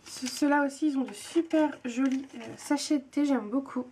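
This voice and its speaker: Gushing young woman, high voice. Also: normal speed, darkish tone, slight background noise. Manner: chatty, gushing, many hesitations. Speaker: blogger reviewing a tea subscription box. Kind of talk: casual unboxing chat.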